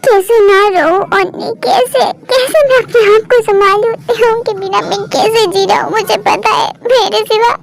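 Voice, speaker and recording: A distraught young husband, voiced by a woman in a homemade fan dub. He pleads through tears, his voice pitched very high. It is amateur storytelling rather than polished acting. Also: fairly even intonation, measured pace, gravelly, hardly any pauses, heavy background noise, full character voice. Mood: despairing. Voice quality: tearful, pleading. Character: grieving young husband, desperate and weepy.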